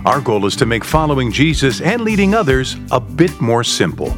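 A man reading a scripted show intro in a slow, emphatic way. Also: medium pitch, big pitch swings. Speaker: show announcer. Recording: clear music bed behind.

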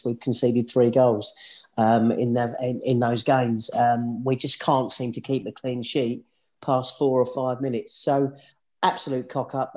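A man co-hosts a casual football podcast in a blunt, exasperated way, piling up repeated words as he talks things through. His voice sits at an everyday middle pitch. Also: mellow. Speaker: podcast co-host.

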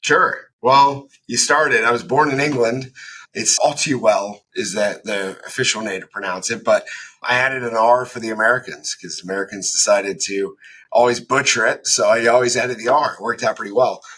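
Guy in his 30s on a podcast, kinda husky and bright, just laying out his story real casual. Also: medium pitch, moderate pace, rough recording. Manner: laid-back, matter-of-fact storytelling. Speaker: business founder, guest. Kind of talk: casual interview answers.

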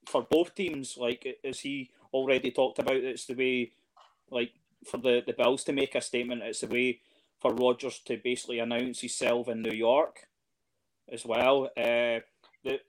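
A man talks in a relaxed, conversational way, mid-pitched. He hesitates a lot, filling gaps with ums and starting sentences over. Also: normal speed. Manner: hesitant, lots of fillers and restarts. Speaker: podcast guest, fan. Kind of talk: casual chat.

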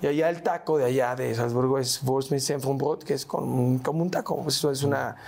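A man with a Mexican accent speaks as an interview guest, his voice at a middle pitch with a gravelly, creaky edge. He talks in slangy, casual storytelling. He keeps tagging his sentences with "¿no?" and "güey". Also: fairly even intonation, brisk, darkish tone. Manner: slangy, tags lines with "¿no?" and "güey".

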